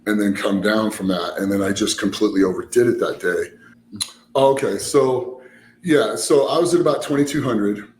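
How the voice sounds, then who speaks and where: Casual male storyteller, fairly low pitch, rambling and explanatory; roomy sound with faint noise behind. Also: normal speed. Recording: roomy echo, background noise.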